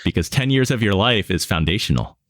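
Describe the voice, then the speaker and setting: A man's voice: lowish voice, lively intonation, brisk, fairly bright tone, no room sound, studio quality. A man hosting a podcast interview, introducing the guest and asking questions in an upbeat, enthusiastic way. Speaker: podcast host.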